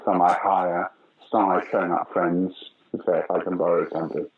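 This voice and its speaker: Speaking at a normal pace in a low voice with little pitch movement, this older man from Britain works as an actor and pantomime director. In a relaxed interview he tells anecdotes, performing the quoted voices as he goes. The audio is lo-fi and dull, with a faint hiss underneath.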